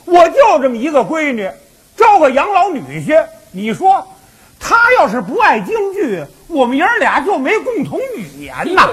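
A man's voice: extremely high pitch, wildly swooping pitch, moderate pace, fairly bright tone, heavily acted. An actor playing a fussy older man, a Peking opera fan checking out a match for his daughter, in a stage comedy sketch. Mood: insistent. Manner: insistent, wheedling, swinging up and down. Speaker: prospective father-in-law. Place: stage with live audience.

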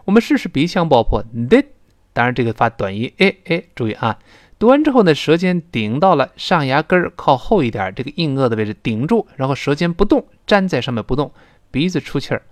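A man teaching English pronunciation, explaining sounds step by step to listeners and drawing out example words slowly. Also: medium pitch, very animated, no room sound.

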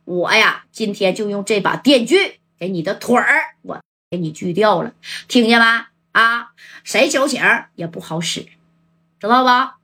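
A woman's voice: medium pitch, lively intonation, moderate pace, pushed and bright. A woman voicing a ruthless male gang boss, taunting and threatening.

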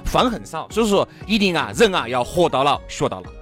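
A man's voice: on the high side, very animated, fairly quick, a bit bright. A man with a Sichuan accent co-hosting a talk show with playful, teasing comic banter in dialect. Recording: music playing behind the voice. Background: music.

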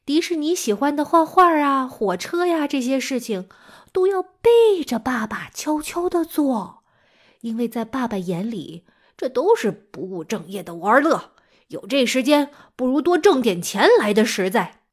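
This children's teacher and storytelling show host speaks in a high, animated, unhurried voice. During her lesson she tells stories to young children as if reading aloud to a small child, exaggerating her emphasis and asking lots of questions.

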